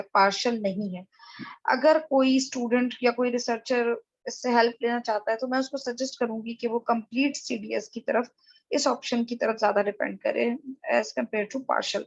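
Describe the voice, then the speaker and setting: A woman's voice: fairly high pitch, no room sound, highs cut off. A woman lecturer giving a methodical, step-by-step tutorial lecture, explaining directly to viewers. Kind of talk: screen-recorded tutorial lecture.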